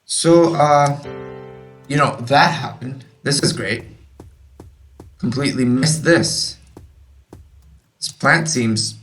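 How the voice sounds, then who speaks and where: A young let's play host with a medium-pitched, slightly bright voice rambles through a horror game, sounding baffled and reading the game text aloud as he plays. He talks slowly with long pauses, faint music behind him, on a distant mic with faint noise.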